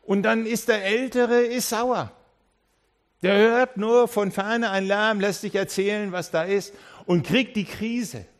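A man preaching a sermon as a pastor, telling the story in a lively way, often restarting and repeating words as he goes. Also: high voice, measured pace. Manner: lively storytelling that acts out the characters.

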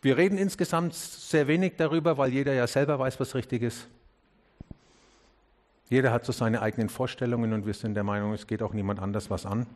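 A pastor speaks fairly quickly in his sermon, asking his congregation earnest questions and addressing them head-on. Key words come out low and quiet, while his voice rises when he urges. There's a little hiss or hum on the recording.

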